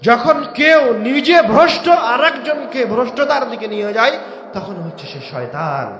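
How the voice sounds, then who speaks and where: High-voiced preacher shouting through echo. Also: male voice, lively intonation. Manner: swings between shouted emphasis and low drawn-out words; asks the crowd rhetorical questions. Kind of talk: waz sermon. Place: large outdoor religious gathering.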